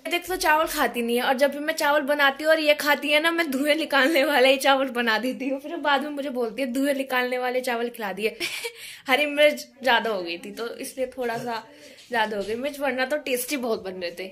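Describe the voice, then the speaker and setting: Chatty young woman with a high voice. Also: a little fast, a bit bright. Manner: chatty, laughs easily, talks to viewers. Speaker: vlogger. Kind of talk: casual home vlog chat. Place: family home.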